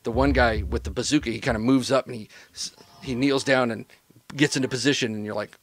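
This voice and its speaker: Man, game master, tabletop game narration, casual, profane, filler-heavy, mid-pitched voice. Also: steady tone, a little fast, a little hiss or hum.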